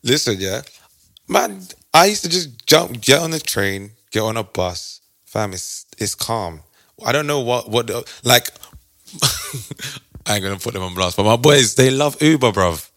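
A man's voice: medium pitch, animated, a little slow, a bit bright, dry recording, clean studio sound. A young man with an urban London roadman accent, chatting casually in heavy street slang and repeating phrases for emphasis. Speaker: podcast co-host.

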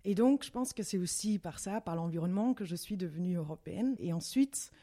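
A woman in her thirties from Belgium, answering interview questions in a friendly, hesitant way with many pauses. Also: fairly low pitch, lively intonation, dark tone. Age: 30s. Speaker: guest.

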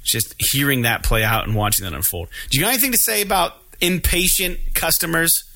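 Podcast co-host, male, bright and a bit high, animated profane storyteller. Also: fairly quick, vocal fry. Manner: animated, profane, acts out other people's lines. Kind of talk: casual storytelling chat.

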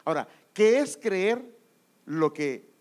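A man's voice: high-pitched, very animated, takes it slowly, darkish tone. A man preaching a sermon, emphatic and repetitive, often asking the congregation questions.

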